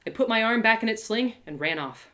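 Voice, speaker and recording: In a live reading, a female author and storyteller narrates a first-person tale at a fairly quick pace. Her pitch swings widely and with animation, and her delivery is dramatic and expressive.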